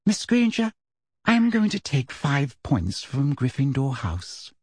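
A man voicing a prim, cold, middle-aged female teacher in a storybook reading, speaking slowly and softly with deliberate sweetness. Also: medium pitch, wildly swooping pitch, breathy edge, no echo, exaggerated voice. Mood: icy. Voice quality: soft, deliberate, half-whispered.

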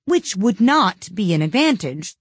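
A woman's voice: mid-range voice, sing-song, measured pace, breathy edge, dry recording, clean studio sound, voice pushed up. A woman voicing a polite, timid young girl who speaks carefully and eagerly.

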